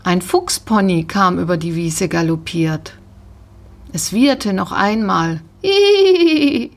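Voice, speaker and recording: Slow, calm woman narrating a story. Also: lowish voice. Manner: calm, gentle, measured. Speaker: audiobook narrator. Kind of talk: scripted storybook narration, first person as a horse.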